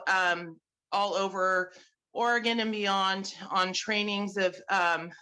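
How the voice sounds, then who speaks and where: Bright-voiced woman introducing herself. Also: medium pitch, rough recording. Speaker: nonprofit president. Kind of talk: casual self-introduction to a group.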